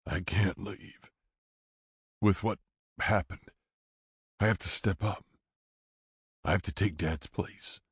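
A man voicing a grave young man, the eldest brother, who speaks quietly and resolutely. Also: sits low, fairly even intonation, slow, long pauses, slightly rough, dry recording, studio quality, full character voice.

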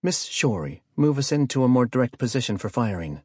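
A man voicing a stern female fleet admiral, giving clipped, crisp orders. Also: mid-range voice, sing-song, normal speed, no room sound, clean studio sound, voice pushed up. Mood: commanding.

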